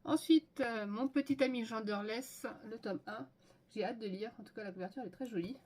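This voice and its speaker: A French manga haul vlogger chats casually and enthusiastically as she lists her purchases, with frequent fillers. Her voice is a little high and a little fast, with a darkish tone.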